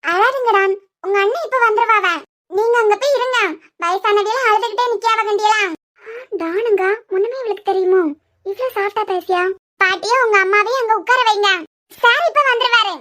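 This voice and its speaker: A woman's voice: very high voice, brisk, sharp tone. A woman voicing a talkative young hospital nurse who soothes the family, in a Kanyakumari Tamil accent. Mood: reassuring chatty.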